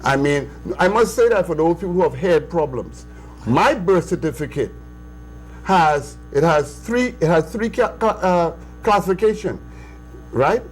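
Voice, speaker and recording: A Bahamian man in his sixties, an interview guest, speaking emphatically, with restarts and sudden rises in pitch. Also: animated, unhurried, faint music behind, low-quality recording. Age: 60s. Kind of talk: conversational interview.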